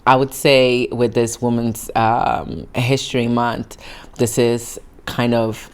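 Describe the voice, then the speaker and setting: A woman's voice: a bass voice, little pitch movement, slow, smooth. A woman from Italy, giving reflective, encouraging interview answers in an earnest way. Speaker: interview guest, founder.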